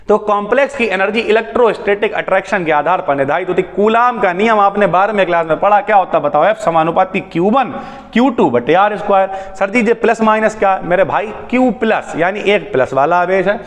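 A man teaching a chemistry lesson in a lively, chatty way, asking questions and answering them himself. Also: high-pitched, in a large hall. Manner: asks and answers his own questions, chatty asides. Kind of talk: lively classroom lecture.

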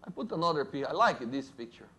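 A man with a Brazilian Portuguese accent, a native Portuguese speaker, giving a lively university physics lecture and joking with the audience. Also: medium pitch, fast talker, breathy edge. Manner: lively, jokes with audience, asks "right?".

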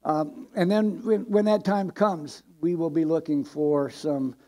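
An older man with a Midwestern American accent, speaking as a pastor and giving church announcements from a lectern in a sanctuary, halting, with many filler words. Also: on the high side, steady tone, warm tone.

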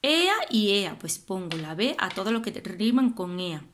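A woman's voice: on the low side, slight background noise. Female teacher, Spain Spanish accent, patient classroom explainer who breaks words into syllables. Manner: patient, spells out syllables slowly. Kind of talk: classroom explanation of poetry meter.

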